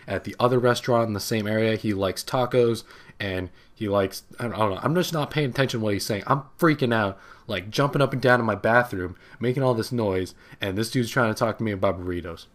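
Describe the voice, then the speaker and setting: Teen guy rambling thru a story over his gameplay footage, gets all excited, kinda low voice. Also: fairly quick. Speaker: gaming channel host.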